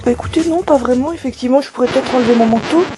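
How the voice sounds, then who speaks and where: A woman playing an earnest television culture interviewer in a parody, asking questions in a polite, hesitant, deadpan way. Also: sits high, rapid-fire, over music, natural voice.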